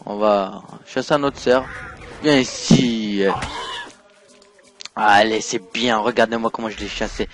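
A man giving let's play commentary while playing a game, excitable, swinging from mumbled asides to loud outbursts. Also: fairly low pitch, a little slow, pauses often, music in the background. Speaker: gaming YouTuber.

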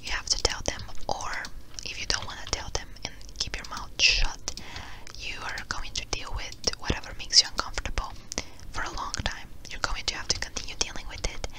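Close-up breathy whisperer, ASMR chat. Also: low-quality recording. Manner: rambling, reassuring advice-giving. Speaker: video host. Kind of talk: whispered ASMR casual chat while gaming. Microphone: close-up microphone. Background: keyboard typing.

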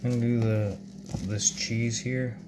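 A man in his thirties talks slowly and unhurriedly as he cooks, swearing and muttering half to himself. He was recorded by a phone propped on the counter in a small home kitchen, with loud, steady noise running underneath. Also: medium pitch. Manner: profane, muttering to himself while cooking. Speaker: home cook vlogger. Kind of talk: casual cooking vlog. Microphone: phone camera propped on the counter.

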